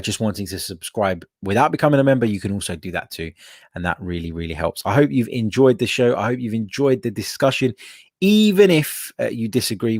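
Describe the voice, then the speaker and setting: A man's voice: lowish voice, gravelly, no echo, clean studio sound. A young man from England, hosting a live solo podcast and arguing his points emphatically, often repeating them for effect. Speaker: podcast host.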